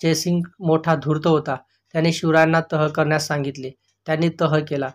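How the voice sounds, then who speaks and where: Flat-voiced male teacher reading history. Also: fairly high pitch. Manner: reads steadily, pausing to point out pictures. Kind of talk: reading a history textbook aloud to children.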